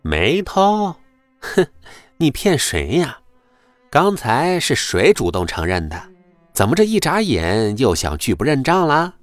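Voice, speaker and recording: A man's voice: on the low side, huge pitch swings, normal speed, no room sound, soft background music, pitched above the performer's own voice. A man voicing a scheming, fawning male office worker who twists the facts in a sly, mocking tone.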